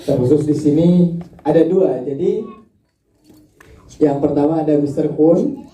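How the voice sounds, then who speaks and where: A male journalist addressing a press conference in a slow, formal manner. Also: a little high, warm tone. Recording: echoey hall from far off.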